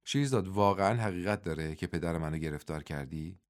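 A man's voice: deep voice, smooth, close to an everyday voice. A man reading the part of a hurt young woman who speaks in a bitter, accusing way in a storybook.

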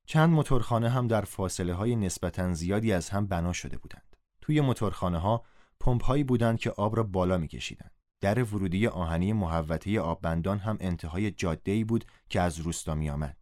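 A man narrating a story in first person, reading the dialogue aloud with a raised voice. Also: sits low. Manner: reads dialogue in a raised, louder voice.

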